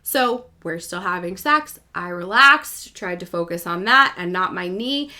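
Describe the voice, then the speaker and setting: A podcast host in her thirties shares a personal story in a casual, candid, animated and self-mocking way. Her voice is lowish and her pace a little slow.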